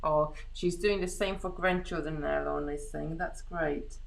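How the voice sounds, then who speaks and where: Her voice is low and gravelly, with fairly even intonation and a normal pace. She's a middle-aged woman from Hungary, rambling chattily and thinking aloud while doing handiwork on a live craft stream.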